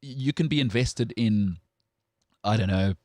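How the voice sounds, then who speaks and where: A man's voice: lowish voice, unhurried, mellow, no room sound, clean studio sound. A South African man hosting a sports talk show, speaking in an opinionated, emphatic way with frequent restarts. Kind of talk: casual sports chat.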